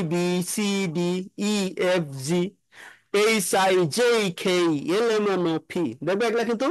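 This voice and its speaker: A man's voice: high-pitched, no echo. Dry-voiced man teaching pronunciation. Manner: repeats words slowly for students, asks questions. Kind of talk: classroom lesson in a room.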